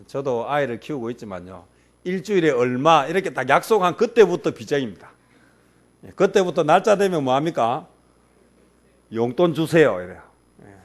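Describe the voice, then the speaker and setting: A middle-aged man preaching a sermon as a pastor, asking rhetorical questions and answering them himself. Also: fairly high pitch.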